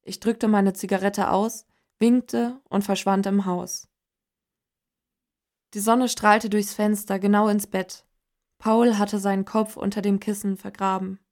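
A woman reading a first-person novel as an audiobook narrator, slow and measured. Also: medium pitch, level tone, a little mellow.

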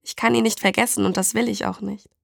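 An exhausted young mother deep in grief, as a woman reading a story puts her on. She speaks quietly and brittly, in a flat tone with some gravel. The recording is dry and close. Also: quick pace, no room sound. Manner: fragile, quiet, formal address.

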